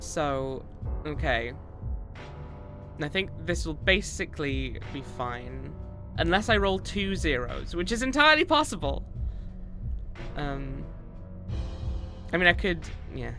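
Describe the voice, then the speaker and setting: A man's voice: a little high, lively intonation, slow pace, pauses often, bright, forceful tone, soft background music. A man game streamer giving casual commentary, thinking aloud as he plays.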